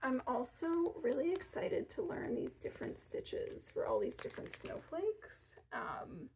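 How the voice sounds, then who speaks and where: In a fabric shop, standing before shelves of fabric, a woman in her thirties showcases gift ideas in a casual, chatty, self-deprecating way, tossing in offhand asides. Her high voice is sing-song, a little slow and a little mellow with vocal fry, and the audio is poor with slight background noise.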